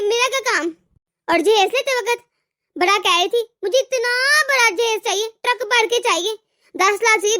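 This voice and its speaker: Woman voicing an arrogant cartoon wife, very high, piercing, taunting, boastful. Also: sharp tone, full character voice. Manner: taunting, sneering. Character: arrogant lazy young wife, scornful and boastful.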